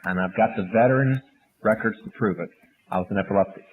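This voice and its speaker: A man lecturing an audience and taking questions in a matter-of-fact, flat delivery, heard on an old archive recording. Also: on the low side, fast, husky. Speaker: speaker at a question session. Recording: old tinny archive recording with faint hiss.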